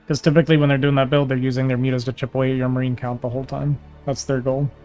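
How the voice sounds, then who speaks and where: A man's voice: medium pitch, soft background music. A man streaming live and coaching viewers in casual chat, his voice wearing thin. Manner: relaxed, explanatory, drawn-out pauses. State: voice going hoarse.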